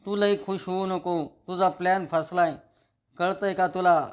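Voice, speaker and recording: A woman's voice: on the low side, fairly even intonation, measured pace, natural voice. A man reading the lines of a fretful, scheming middle-aged mother who scolds her daughter. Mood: scolding.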